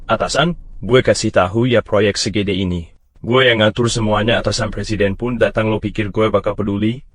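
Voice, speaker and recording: A man plays a crude, bossy site foreman with a low, sneering voice. The sound is dry and close, with no room around it. He talks down to everyone near him. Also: fairly even intonation, moderate pace, dry recording, natural voice. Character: arrogant lecherous male foreman bully turned groveling. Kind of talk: short drama acting.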